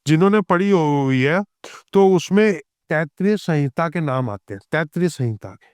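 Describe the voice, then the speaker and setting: A man explains astrology as a podcast guest in a smooth, resonant voice. His pitch sits a little high. The recording is dry and close. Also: lively intonation, darkish tone, no echo. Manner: reads scripture verses slowly, then explains in conversational tones.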